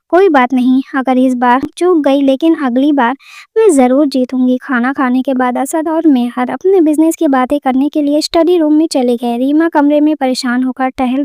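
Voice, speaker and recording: A woman reads a dramatic story aloud in a steady, scripted way. Her voice is high yet mellow in tone. The sound is dry and close. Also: no room sound. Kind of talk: scripted narration.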